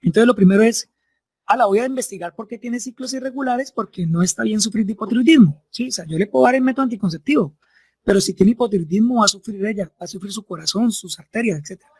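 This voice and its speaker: There's no room sound as a man with a high, dark-toned voice and a breathy edge speaks fast. Teaching a medical class, he explains things step by step and often checks understanding with tag questions.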